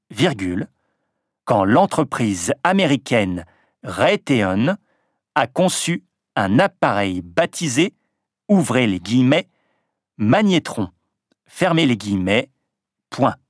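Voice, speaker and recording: A man reading a text aloud as a dictation, pronouncing each punctuation mark in a lower voice. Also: dry recording, studio quality. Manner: measured and deliberate, drops pitch on spoken punctuation marks. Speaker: dictation reader. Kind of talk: slow French dictation, punctuation spoken aloud.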